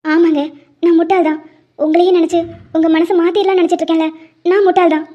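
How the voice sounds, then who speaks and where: A woman voicing a young wife in an animated drama, hurt and pleading with quiet bitterness. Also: very high voice, quick pace. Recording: dull lo-fi sound.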